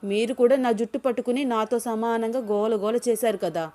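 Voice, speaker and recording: Ananya, a woman reading as a lively young woman. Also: on the high side, moderate pace, natural voice. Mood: insistent. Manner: lively, indignant protests. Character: young woman, lively, quick-tongued office worker. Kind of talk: storybook reading.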